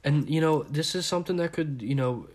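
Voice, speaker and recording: A man's voice: a little high, a little fast. Rambling young man with covid. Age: 20s. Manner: rambling, profane, repeats himself. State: sick with covid, short of breath. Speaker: podcast host. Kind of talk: solo podcast rant.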